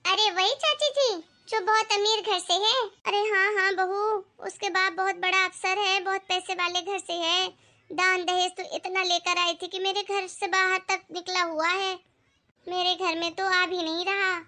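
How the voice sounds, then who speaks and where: A woman's voice: very high-pitched, steady tone, measured pace, pushed and bright, exaggerated voice. A woman voicing a meddling, gossipy older aunt in a cartoon, wailing dramatically.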